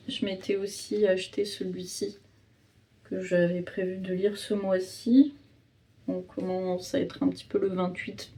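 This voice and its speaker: A woman's voice: mid-range voice, warm tone, recorded from a distance, slight background noise. A woman chatting casually in a reading vlog, hesitant and full of fillers and restarts. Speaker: book vlogger.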